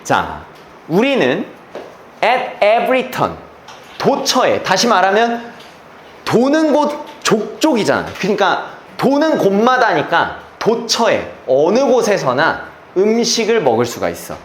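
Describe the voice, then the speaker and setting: A man's voice: high-pitched, huge pitch swings, slow, a little hiss or hum. A man teaching a class, lecturing through an exam passage and checking in constantly with rhetorical questions and blunt slang. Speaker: English teacher. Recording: roomy echo with faint ambience.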